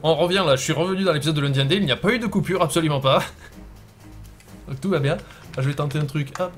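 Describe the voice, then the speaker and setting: A man's voice: on the high side, quick pace, soft background music. A man hosting a gaming show, commentating his own play in a casual, self-mocking way.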